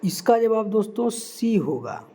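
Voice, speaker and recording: High-voiced man drilling quiz answers. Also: big pitch swings, dark tone, breathy edge. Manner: reads options slowly, repeats key words to stress them. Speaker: Hindi exam tutor. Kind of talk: quiz-style teaching.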